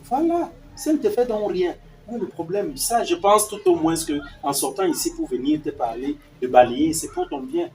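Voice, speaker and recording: A man playing a gentle, pleading father. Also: sing-song, normal speed, creaky, hardly any pauses, soft background music, heavily acted, rough recording. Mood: explaining. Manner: soothing and pleading, switching into sudden high-pitched exclamations. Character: patient father who calms his daughter and his new wife. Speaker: actor in a family skit. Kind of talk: scripted skit acting.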